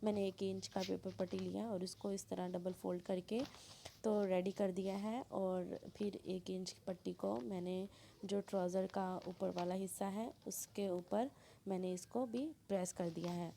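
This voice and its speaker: A woman teaches sewing step by step. Her sore throat makes her voice gravelly, and she clears it now and then. The tone is dark and mellow, with a faint hum of room noise behind her. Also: mid-range voice, fairly even intonation, moderate pace. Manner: plain instructional, frequent throat clearing. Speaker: sewing instructor. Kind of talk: step-by-step tutorial voice-over.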